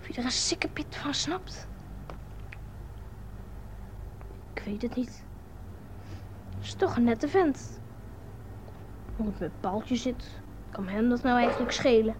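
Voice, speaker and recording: A woman's voice: on the high side, animated, measured pace, background noise. A woman voicing a lonely small child who talks to a grown-up in a radio play, earnest and insistent. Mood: sad, hushed.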